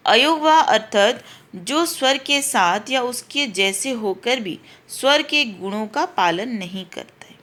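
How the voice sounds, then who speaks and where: A woman's voice: fairly high pitch, animated, slow, a bit bright. A woman teacher giving a patient grammar lesson to schoolchildren, spelling out letters one by one and repeating her explanations. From India.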